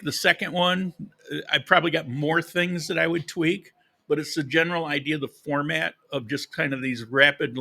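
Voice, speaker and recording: On his livestream, this live podcast host chats informally and directly with his audience. He has a fairly high voice, gravelly yet very bright and forward.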